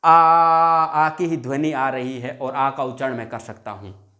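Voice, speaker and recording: A man's voice: mid-range voice, normal speed, fairly bright tone. A male teacher giving a classroom lesson, repeating each point and drawing out example sounds, calling viewers his friends. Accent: Hindi.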